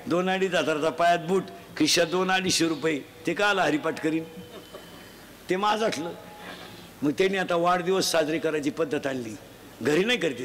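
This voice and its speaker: A man giving a humorous moral sermon to a festival crowd, teasing and quizzing the children loudly. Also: fairly high pitch. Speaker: folk preacher addressing a crowd. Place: outdoor festival gathering. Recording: noisy live crowd recording.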